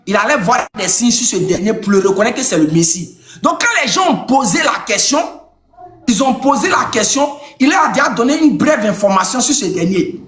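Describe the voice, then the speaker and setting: A man's voice: very high voice, lively intonation, fairly quick, a bit bright. A man arguing emphatically in a religious debate, lecturing and raising his voice. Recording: echoey room.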